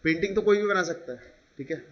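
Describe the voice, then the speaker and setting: A man's voice: high-pitched, quick pace, highs cut off. A man teaching a class with an Indian accent, explaining with examples and checking again and again that students follow. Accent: Indian English. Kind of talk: classroom lecture.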